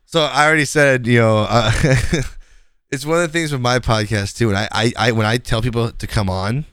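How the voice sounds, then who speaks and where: A man's voice: mid-range voice, normal speed, clean tone, no room sound, studio quality. A man in his thirties from the United States, co-hosting a casual podcast, talking bluntly and rambling with mocking asides. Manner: rambling, blunt, animated retelling with mocking voices. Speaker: podcast co-host.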